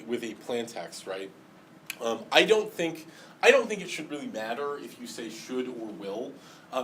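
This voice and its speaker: With a mid-range voice and a slight lisp, a debate lecturer explains things to a class, often pausing on ums and restarting sentences. He sounds set back from the microphone, and a faint background hiss stays under his voice.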